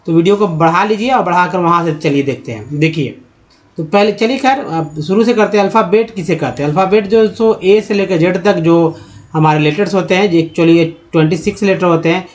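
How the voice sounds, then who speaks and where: High-voiced man teaching English letters. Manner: explains step by step, many fillers, addresses viewers as friends. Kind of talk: spoken lesson to camera.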